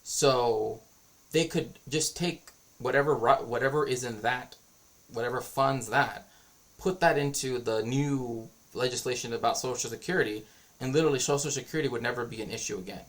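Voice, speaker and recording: A man's voice: medium pitch, normal speed, a bit bright. A man streaming as a cultural historian, explaining his views in a casual, rambling monologue.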